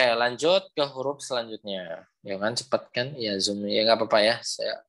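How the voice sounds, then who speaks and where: A young man leads an online recitation class over a video call. He explains each point patiently, repeats himself often and draws out sample sounds slowly so learners can copy them. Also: lowish voice, a bit bright. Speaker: Quran recitation teacher.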